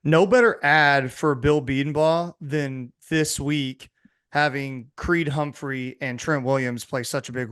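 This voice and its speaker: A man's voice: mid-range voice, fairly bright tone, clear, resonant tone. A man co-hosting a sports podcast, reading out recruiting news and teasing his co-hosts. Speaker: podcast co-host. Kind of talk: casual sports chat.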